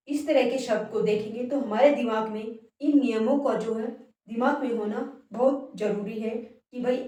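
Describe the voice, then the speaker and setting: A woman teacher with a fairly high voice gives a spelling lesson, repeating each word and asking her class questions. She is recorded from a distance in a strongly echoing room. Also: darkish tone. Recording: very echoey room, voice from far off.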